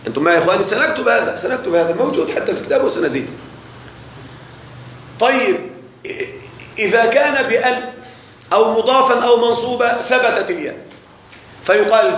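A man teaching an Arabic grammar lesson, slowly repeating rules and often checking that his students follow along. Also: sits high, fairly bright tone. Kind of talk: classroom lesson explaining morphology. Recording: very echoey room with faint noise.

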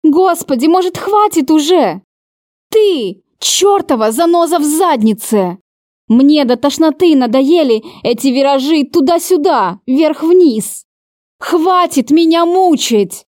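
A woman reading an audiobook voices a quick-tempered young woman hurling heated, high-pitched insults. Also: very animated, darkish tone, dry recording, clean studio sound. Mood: furious. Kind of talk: audiobook character voicing.

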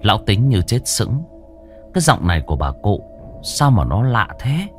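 A man narrating a ghost story with a dramatic, drawn-out delivery. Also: lowish voice, big pitch swings, faint music behind.

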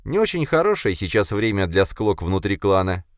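A stern, commanding clan leader keeps order with sharp rebukes, voiced by a male audiobook reader. His raised voice swings widely, and the sound is dry and close to the mic. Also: on the low side, sing-song, moderate pace, dry recording, voice pushed up. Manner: authoritative, barking orders. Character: stern older man, commanding clan head.

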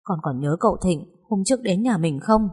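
A woman's voice: fairly low pitch, animated, a little fast, darkish tone, breathy edge. A woman voicing a desperate, indebted mother who tearfully pleads with her daughter. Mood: scheming.

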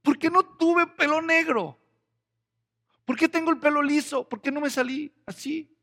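A man's voice: very high voice, normal speed, pushed and bright, in a large hall, pitched above the performer's own voice, exaggerated voice. Man putting on a whiny young woman. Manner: whiny, complaining questions. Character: young woman fretting over her looks.

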